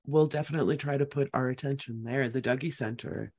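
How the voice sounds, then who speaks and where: A woman's voice: a bass voice, fast, darkish tone, breathy edge. A woman hosting a podcast, asking questions in a casual, affirming conversation. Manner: interested, affirming interviewer. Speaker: podcast host.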